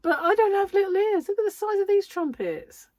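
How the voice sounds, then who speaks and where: This crochet-channel host, a middle-aged woman from the United Kingdom, chats casually to camera in a very high, expressive voice with a darkish tone and a wheezy breath. Quick to laugh and self-deprecating, she's recorded in studio quality with no echo.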